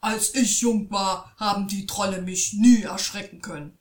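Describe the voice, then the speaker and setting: A woman voicing a gruff father who scolds his sons loudly and boasts of his youth. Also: medium pitch, steady tone, unhurried, natural voice. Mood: scolding. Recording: echoey room.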